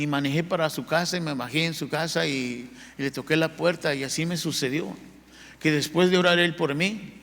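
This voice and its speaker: A man's voice: fairly high pitch, fairly bright tone. A man preaching a sermon as pastor, telling his own testimony in an earnest, conversational way. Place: church sanctuary. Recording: long church hall reverb.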